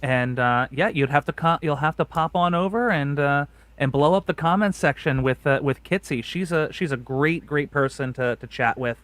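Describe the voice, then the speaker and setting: Rambling co-host with dry sound. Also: male voice, fairly high pitch, normal speed, fairly bright tone, no echo. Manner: rambling, many fillers and restarts. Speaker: podcast co-host. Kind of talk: casual chat with channel plugs.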